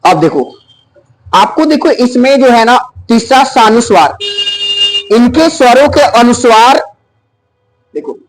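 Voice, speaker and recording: Man, high-pitched, teacher, exam-prep grammar lesson, slow repetition of terms, quizzing students. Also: very animated, low-quality recording. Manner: repeats each term slowly and quizzes the students.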